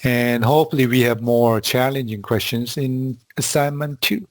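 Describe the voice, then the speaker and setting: A man teaching a class over a video call, walking through spreadsheet formulas in a slow, halting way with frequent fillers. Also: medium pitch. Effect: heard over a video call. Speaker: instructor. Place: video call from a quiet room. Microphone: computer mic on a video call.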